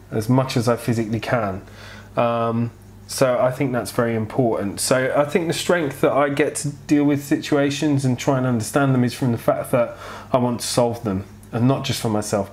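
A man in his thirties talks in a medium-pitched, wheezy voice, short of breath and a little unwell. He answers questions in a casual, frank and rambling style. It sounds like an informal vlog recorded on a clip-on mic at home. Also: normal speed, darkish tone. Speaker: vlogger answering viewer questions. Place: home kitchen, indoors. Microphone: clip-on lapel mic.

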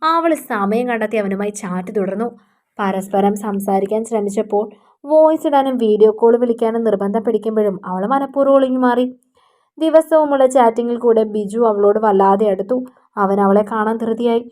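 A woman narrating a scripted story in a steady, even reading voice. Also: a little high, moderate pace.

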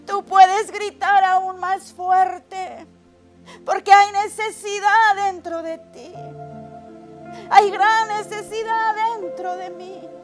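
A woman's voice: extremely high pitch, fairly even intonation, slow, faint music behind. A woman pastor preaching a sermon in an impassioned, pleading way.

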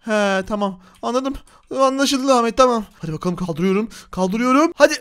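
A man with a Turkish accent narrating a Minecraft role-play video, playful and excitable, talking to his viewers. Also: very high voice, brisk, smooth. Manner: playful, excitable, talks to the audience. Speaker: gaming YouTuber.

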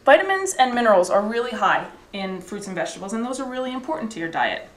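A woman presenting a nutrition lesson in a supermarket produce aisle, explaining things clearly. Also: on the high side, sing-song, quick pace. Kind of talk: instructional presenting.

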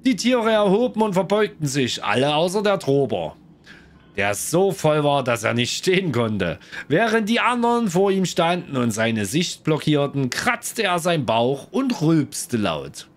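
Lively male let's-play streamer, a bit higher than average, reads lore aloud between chatty asides. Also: measured pace. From Germany. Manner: chatty, lively, addresses viewers. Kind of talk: casual game commentary and reading aloud.

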